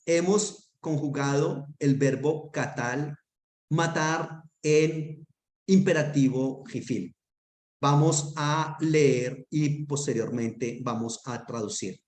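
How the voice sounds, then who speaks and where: A man's voice: fairly high pitch, slow pace, a little mellow, reverberant. A man teaching a grammar lesson, patient and methodical, often checking that his students follow. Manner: patient, checks understanding with frequent "¿listo?".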